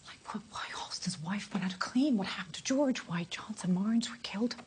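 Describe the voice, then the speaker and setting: A woman acting as a hushed, earnest character in a screen drama. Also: mid-range voice, moderate pace, whispered, close to an everyday voice. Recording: drama clip under music.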